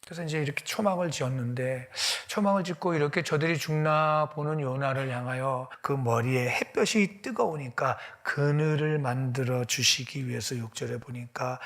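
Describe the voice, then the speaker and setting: A man's voice: medium pitch, a bit bright. A male pastor preaching a sermon, asking his congregation questions and sometimes dropping to a whisper. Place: church.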